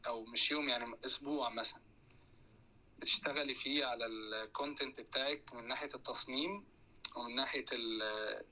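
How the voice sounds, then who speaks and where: Bright-voiced fast Egyptian man hosting. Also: mid-range voice, fairly even intonation, poor audio. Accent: Egyptian Arabic. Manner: easygoing, explaining, asks questions. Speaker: host. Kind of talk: casual interview chat in an audio room. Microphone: phone.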